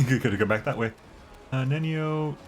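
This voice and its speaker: A man's voice: medium pitch, normal speed. A man giving casual, conversational commentary as he plays a video game.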